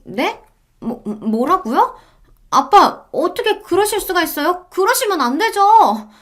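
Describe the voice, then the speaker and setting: A woman's voice: sits high, sing-song, fairly quick, fairly bright tone, pitched above the performer's own voice. A woman voicing a defensive young wife who talks in a whiny, pleading way. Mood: panicked.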